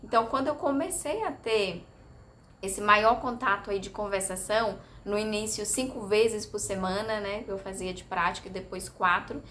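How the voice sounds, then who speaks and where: A woman's voice: medium pitch, normal speed, fairly bright tone, slight background noise. A Brazilian woman talking casually to her viewers, chatty and hesitant, often tagging on little questions and filler sounds. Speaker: vlogger sharing language-study experience. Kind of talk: casual talk to camera.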